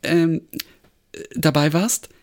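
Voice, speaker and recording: A man putting on a sharp, suspicious woman sleuth. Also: a little high, takes it slowly. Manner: pressing, sarcastic questions.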